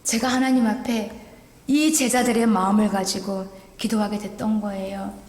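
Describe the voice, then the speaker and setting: A woman's voice: medium pitch, fairly even intonation, normal speed, a little mellow. A woman evangelist preaching an emotional, pleading sermon in a church. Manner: emotional, pleading, earnest, with rising and falling intensity. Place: church sanctuary. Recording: echoey church hall with long reverb.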